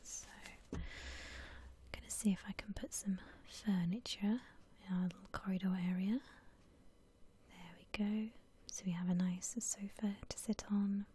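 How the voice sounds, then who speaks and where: Narrating a building session in her game, this streamer whispers in ASMR fashion, unhurried and gentle with slow phrasing. Her voice is mid-range, mellow and soft, so breathy it's nearly unvoiced.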